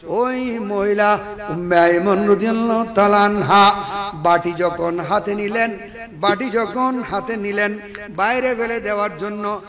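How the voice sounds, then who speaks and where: A male preacher, telling a story in a sermon and moving from quiet lines to loud shouts. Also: high-pitched, a little slow. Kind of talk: sermon at an outdoor religious gathering. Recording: reverberant PA sound with a crowd.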